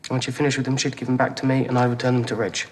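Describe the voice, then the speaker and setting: A young man playing a nervous, defensive suspect who answers questions in a hurried way. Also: mid-range voice, level tone, slight background noise, natural voice.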